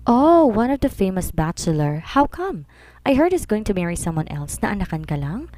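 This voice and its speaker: A woman's voice: mid-range voice, big pitch swings, moderate pace, warm tone, no room sound, lightly acted. A woman voicing a cold, condescending wealthy middle-aged mother in a read-aloud story. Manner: condescending, dismissive.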